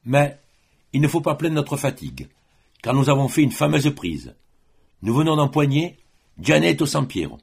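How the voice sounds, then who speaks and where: Guy putting on a hearty bragging sergeant voice, pitched up, bouncy and husky. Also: big pitch swings, moderate pace, pauses often, heavily acted. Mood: friendly. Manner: hearty, loud, overly friendly. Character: boastful blustering gendarme sergeant, man.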